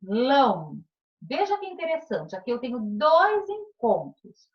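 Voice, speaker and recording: A woman with a Brazilian Portuguese accent teaches a recorded remote class to primary schoolchildren in an encouraging manner, drawing out syllables and checking in often with "tá?". Her high voice swoops wildly in pitch, and the recording sounds muffled.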